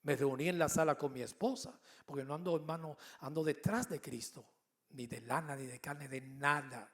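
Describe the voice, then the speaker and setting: Pastor with a gravelly voice preaching. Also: male voice, a little high, normal speed. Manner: animated storytelling with humor. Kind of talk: sermon.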